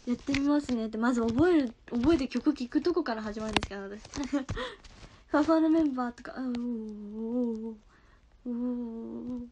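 A woman's voice: fairly high pitch, a little slow, background noise. A young woman streaming live from home, chatting casually and giggling as she reacts to viewer comments on her phone.

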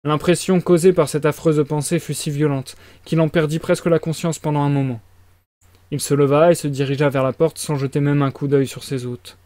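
Expressive male narrator, dry close sound. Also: a little high, a little fast, dry recording. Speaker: reader on a live stream. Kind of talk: audiobook reading.

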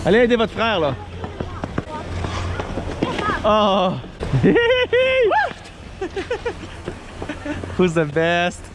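A man vlogging his family trip, narrating in a casual, playful way with lots of excited exclamations, recorded on a handheld action camera at an outdoor heated pool. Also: sits high, drawn-out words. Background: loud music.

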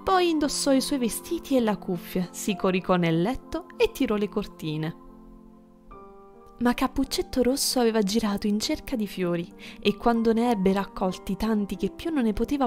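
A woman narrating an audiobook fairy tale in a gentle storytelling manner, with soft music behind. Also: medium pitch, expressive, normal speed.

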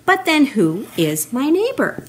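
A measured, questioning man of the law in a children's Bible story, as a woman storyteller puts him on. He speaks slowly and deliberately, each phrase set apart. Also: high voice, wildly swooping pitch, voice pushed up, exaggerated voice. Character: adult male lawyer, questioning.

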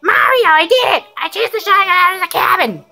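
A young man voicing a small, nervous male mushroom helper in a squeaky, jittery way. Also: big pitch swings, fairly quick, creaky, bright, forceful tone, faint music behind, heavily acted.

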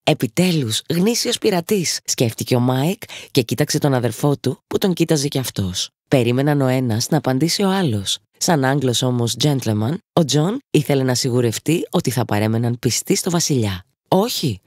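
A woman narrating a children's storybook with an expressive storytelling lilt, in a studio. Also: very deep voice, few pauses, dry recording. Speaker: audiobook narrator.

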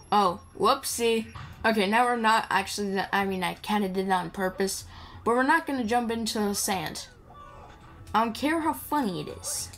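A woman with a medium-pitched, fairly bright voice gives casual commentary while she plays. Her talk is playful and rambling, she speaks to the on-screen characters, and game music plays in the background.

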